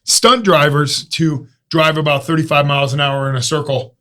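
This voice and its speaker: A joking man in his fifties with an Ohio accent, chatting as an interview guest. His voice sits a little higher than most men's, and he tells his stories with self-mocking humor. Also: fairly even intonation, normal speed, sharp tone. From Ohio, USA. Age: 50s. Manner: jokey, self-mocking storyteller. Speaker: podcast guest, stuntman and actor. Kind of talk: casual interview chat.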